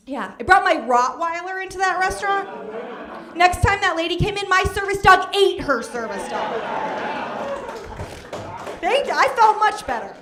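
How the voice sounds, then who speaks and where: A woman's voice: very high voice, lively intonation, moderate pace. A woman telling stand-up jokes as an exasperated rant, often checking that the listener agrees. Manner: exasperated comic ranting, seeks agreement with repeated tags. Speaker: stand-up comedian. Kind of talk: stand-up joke telling with acted quotes. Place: live comedy stage with audience. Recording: live show, faint crowd.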